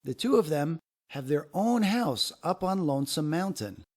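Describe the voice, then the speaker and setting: This fairly high-pitched male narrator tells a children's story with deliberate, expressive delivery. He leans into dramatic phrasing as he reads it aloud.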